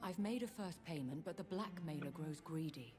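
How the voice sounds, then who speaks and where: A woman's voice: low-pitched, animated, normal speed. An actress playing a poised, guarded aristocratic female vampire who speaks in formal, elegant phrases. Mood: composed. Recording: game audio with loud music underneath.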